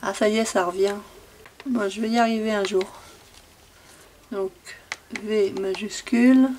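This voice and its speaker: A woman's voice: medium pitch, fairly even intonation, unhurried, darkish tone, a little hiss or hum. A woman making a handmade card who thinks aloud as she works, often repeating her own phrases in a sing-song way. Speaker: crafting video maker. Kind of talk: casual talk while crafting.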